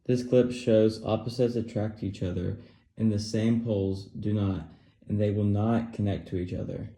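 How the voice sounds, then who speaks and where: A man presenting a science show as its host, with a bright, upbeat, curious manner. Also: on the low side, steady tone, moderate pace.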